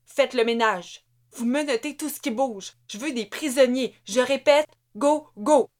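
A woman voicing a fierce, reckless female squad commander who shouts her orders. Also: lowish voice, expressive, slow. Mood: shouting orders.

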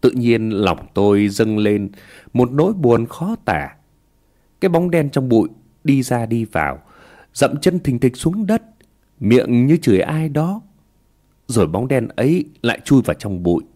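A man narrating a ghost story in a slow, hushed storytelling manner. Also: medium pitch, sing-song.

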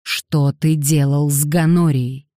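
Lady narrator doing an angry young guy, hissing, low dark voice. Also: steady tone, slow pace, no room sound, studio quality. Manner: hissing through clenched teeth. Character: furious young man, brother, quick-tempered.

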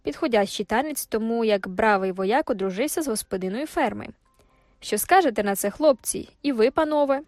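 A woman voicing a cheerful male village fiddler in an audiobook, asking in a lively, showy way. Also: medium pitch, a little fast, few pauses, no room sound, clean studio sound, faint music behind, natural voice. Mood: eager.

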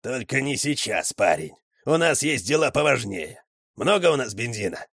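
A man's voice: medium pitch, big pitch swings, normal speed, vocal fry, a bit bright, husky, no room sound, clean studio sound, pitched above the performer's own voice, exaggerated voice. A man voicing a cool, slangy male leader in a storybook who speaks unflappably. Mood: unflappable.

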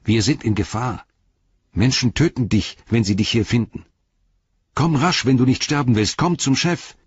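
Brief: male narrator as a tense young hobbit, husky, pressing, a bit higher than the narration. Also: animated, a little slow, no room sound, lo-fi sound, full character voice. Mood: urgent. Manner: coaxing, pressing.

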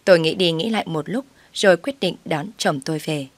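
Woman narrator, low voice, dry close sound, brisk first-person storytelling. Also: no echo.

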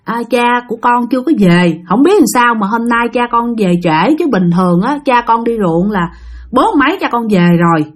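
A woman's voice: on the high side, animated, moderate pace. A woman voicing a polite young village daughter explaining that her father is late, in a spoken ghost story.

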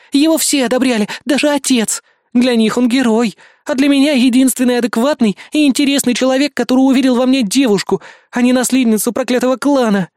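A man voicing an upset nineteen-year-old girl, heiress of a powerful clan, in an audiobook, with loud, indignant, pleading outbursts. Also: extremely high pitch, no room sound, studio quality, pitched above the performer's own voice. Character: upset teenage girl heiress, stubborn, defiant. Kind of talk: audiobook character voice.

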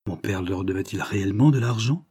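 A man voicing a frightened, gentle young noblewoman, his voice trembling and breathless. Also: on the low side, a little fast, slightly rough, dry recording, studio quality. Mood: anxious. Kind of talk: audiobook character voice.

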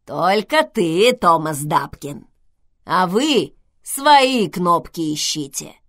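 A woman voicing a rude, creaky old woman speaking through an enchanted intercom, slow, loud and mocking. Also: fairly low pitch, animated, dry recording, clean studio sound. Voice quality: creaky, hoarse.

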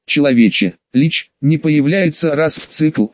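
A man voicing a huge, proud and weary ancient dragon who speaks slowly and with irony. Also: dry recording, close to an everyday voice. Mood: stern, weary. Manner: slow, low and measured. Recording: dull, dry studio recording.

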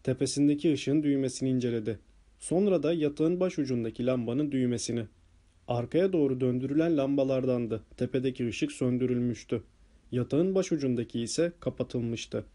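A man narrating an audiobook in a calm, steady way. His voice is dark and mellow, at an ordinary pitch for a man. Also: brisk. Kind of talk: scripted narration.

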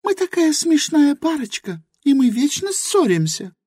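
A woman voicing a timid, childlike young girl in an audiobook, with a soft, plaintive and pleading manner. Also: high voice, big pitch swings, a little slow, no echo, clean studio sound. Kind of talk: audiobook character reading.

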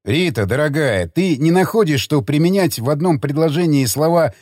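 A man's voice: on the high side, expressive, moderate pace, darkish tone, no room sound, clean studio sound. A man voicing a sly, mocking tough guy in an audiobook, talking with cocky ease. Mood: smug. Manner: smug, mocking.

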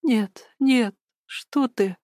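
A woman's voice: fairly high pitch, very slow, a little mellow, no echo, studio quality, pitched above the performer's own voice. A woman voicing a tearful, frightened woman who mumbles and hesitates. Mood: flustered.

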